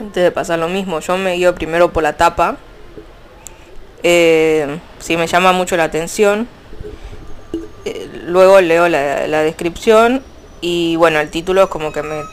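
A young woman with an Argentine accent, chatting casually about fanfiction in a rambling, animated way. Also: lowish voice, slight background noise. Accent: Argentine Spanish. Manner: chatty, rambling, frequent restarts and fillers. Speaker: fanfiction vlogger. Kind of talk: casual chat.

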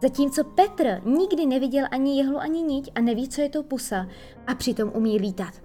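A well-behaved, motherly young girl from a storybook, played by a woman. She sounds prim and reasonable, her voice lifted a little higher than the narrator's. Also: animated, mellow, soft background music. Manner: prim, reasoning, a bit fussy.

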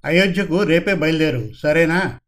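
A man's voice: fairly high pitch, normal speed, fairly bright tone, natural voice. A man voicing an arrogant rich boss. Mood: bossy. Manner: commanding, bossy.

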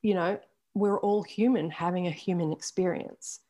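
A woman in her forties tells her own story on a podcast, frank and open, laughing now and then and swearing a little. Her voice sits a bit low for a woman. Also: steady tone, moderate pace, dark tone. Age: 40s. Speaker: podcast guest. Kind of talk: candid personal storytelling.

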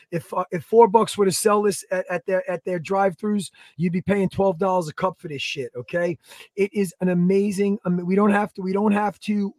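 A man, co-hosting a podcast in energetic, rambling casual chat. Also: high voice, no room sound, clean studio sound. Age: 30s. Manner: energetic, rambling, plugs products. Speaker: podcast co-host.

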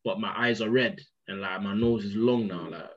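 A man's voice: fairly low pitch, normal speed, highs cut off. A young man with a London roadman accent, telling things emphatically in casual, slangy banter.

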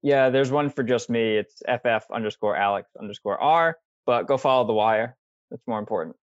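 A male podcast co-host who talks with dry, low-key humour. His mic sounds a bit dull and muffled. The room is dead and dry. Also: brisk, dry recording. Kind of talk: casual fantasy football chat.

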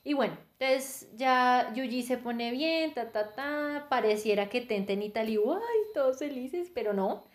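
Animated woman telling a story. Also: a little high, a little slow, few pauses. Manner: animated storyteller, laughs often, filler 'ta, ta, ta'. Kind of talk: casual chat retelling a series plot.

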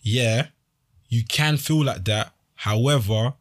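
A man's voice: medium pitch, takes it slowly. A young man with a London accent in casual podcast chat, slangy and emphatic, often repeating his phrases. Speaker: podcast panelist.

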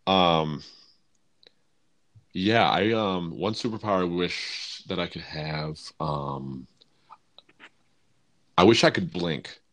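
A man's voice: deep voice, slow pace, pauses often, a bit bright, no room sound. A man hosting a casual podcast with friends, laid-back and laughing often, with lots of ums. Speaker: podcast host.

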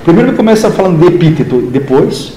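A literature teacher in his fifties from the interior of São Paulo state, Brazil, tells stories in a casual interview, animatedly acting out dialogue in other voices. His voice is high and rapid-fire, with a little hiss or hum, recorded in a roomy, echoing room.

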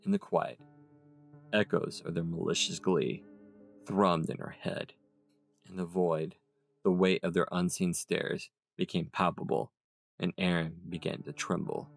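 A man reading a dark story as narrator, in dramatic audiobook style. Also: fairly even intonation, unhurried. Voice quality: gravelly, very deep. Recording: narration over soft music.

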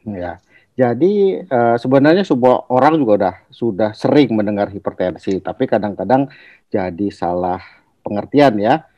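A man's voice: on the low side, lively intonation, normal speed, mellow, no echo. Middle-aged male specialist, explainer tone, homely examples, hesitant restarts; dry, muffled recording. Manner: explanatory, uses everyday analogies and sound words. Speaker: guest doctor, internal medicine specialist. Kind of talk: explaining to podcast hosts.

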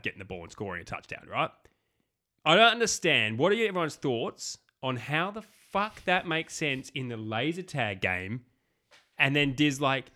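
A man co-hosting a relaxed film podcast, talking in a bright, pushing tone. He is animated, curses a lot and jumps into little impressions of scenes. His pitch sits in an ordinary middle range. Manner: animated, swears freely, acts out scenes. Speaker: podcast co-host. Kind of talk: casual film discussion.

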